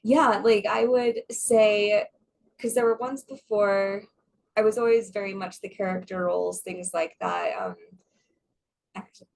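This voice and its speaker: A young adult actress chatting casually in an interview, rambling with many restarts and frequent laughs. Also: female voice, mid-range voice, steady tone, measured pace, vocal fry, a little mellow, slight background noise. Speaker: guest, stage actress.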